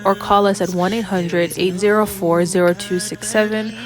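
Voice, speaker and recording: A woman's voice: mid-range voice, normal speed. Woman reading an ad over music. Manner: even, clear reading. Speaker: announcer. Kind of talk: read advertisement. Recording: announcement over loud music.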